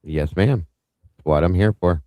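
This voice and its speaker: A man co-hosts a casual livestream discussion in a very deep voice. He talks bluntly, cracks jokes and pokes fun at himself. The recording is dry and close. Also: normal speed, mellow, no echo, rough recording. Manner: blunt, joking, self-deprecating. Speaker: livestream co-host.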